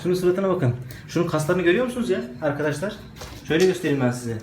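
Excitable man cooing at puppies, echoey. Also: high voice, racing. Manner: cooing baby talk to puppies. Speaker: vlogger showing dogs. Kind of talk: casual excited vlog talk. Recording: echoey room with background noise.

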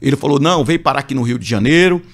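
A man's voice: medium pitch, racing. A man from Brazil, a pastor, telling a testimony on a radio show and acting out the voices of the people in his story. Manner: animated, acts out voices of others in the story.

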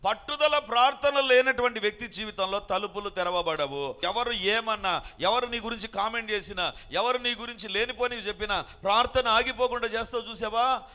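A man's voice: high voice, brisk, pushed and bright. A man preaching a sermon, emphatic and repeating his phrases, dropping into English lines now and then. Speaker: pastor.

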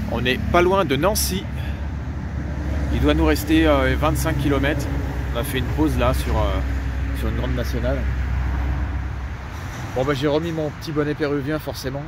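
The audio is very noisy as a young French man narrates a casual travel vlog at normal speed, in a medium-pitched voice with long pauses. He holds the camera at arm's length and rambles chattily, full of fillers, in a foggy forest, a parking lot, and inside a camper van.

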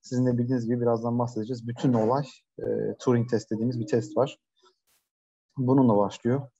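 A man's voice: mid-range voice, level tone, fast, mellow, breathy edge, highs cut off. A man giving a casual online lecture from a shared coworking space, talking conversationally with many hesitations and fillers. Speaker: webinar presenter.

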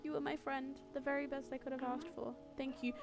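A woman voicing a small, loyal robot drone companion, reading its game lines in a quick, soft, earnest way. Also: high voice, flat delivery, music in the background. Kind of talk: reading game dialogue aloud.

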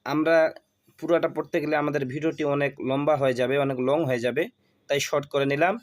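A man teaching a reading lesson, spelling each syllable aloud and repeating it in a slow drill. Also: a little high, flat delivery.

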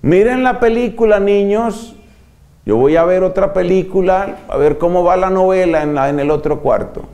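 A man mockingly imitating a careless nun catechist in a high sing-song voice. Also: normal speed, dark tone. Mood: offhand.

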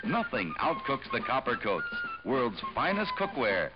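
A man doing an upbeat pitchman voice-over in an old 1960s TV commercial. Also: wildly swooping pitch, unhurried. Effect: old 1960s TV commercial sound. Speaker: commercial announcer. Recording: dull lo-fi old TV audio with loud music.

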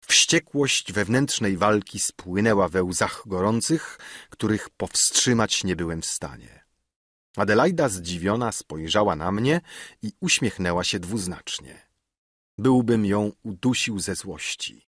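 A man narrates a novel with a somewhat low, husky voice and a lively, expressive melody. The reading is emotional and carefully paced, recorded close and dry on a studio mic. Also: measured pace, dry recording. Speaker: audiobook narrator.

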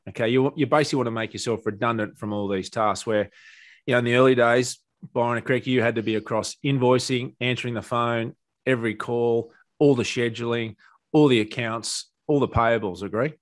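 Over a video call from a small home office, a male business coach interviews a client, chatting and explaining as he goes. His medium-pitched voice is steady and fairly quick, picked up close by a headset or desk mic with no echo.

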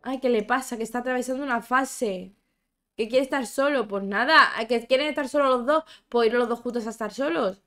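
A young woman with a somewhat high voice, chatting her way through a life-sim game. She exclaims a lot, talks back to her characters and reads out chat from her viewers in a loose, playful commentary. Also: fairly quick, fairly bright tone. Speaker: gaming YouTuber. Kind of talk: casual gameplay commentary.

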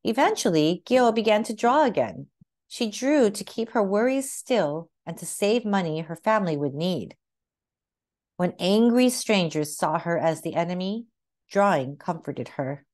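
A woman narrates a children's picture book aloud, telling the story expressively with careful phrasing. Her pitch sits in the middle range, and she reads a little slowly.

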